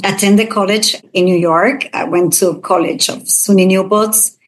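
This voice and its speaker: A woman's voice: mid-range voice, fairly even intonation, measured pace, a little hiss or hum. Earnest Dominican-born woman giving an interview. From Dominican Republic. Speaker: interview guest. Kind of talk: conversational interview.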